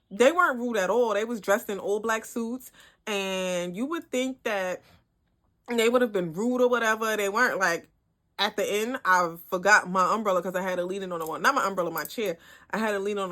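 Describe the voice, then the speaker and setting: A young woman, telling a story in a chatty, animated vlog. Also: mid-range voice. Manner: chatty, animated, frequent "like" and "whatever". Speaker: vlogger.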